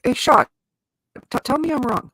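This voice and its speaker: A woman co-hosting a casual show over an online call, her voice coming through robotic and metallic while she makes excited, laughing exclamations. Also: high voice, normal speed, husky, dry recording. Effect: robotic, metallic-sounding call audio. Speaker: podcast co-host. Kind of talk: casual chat.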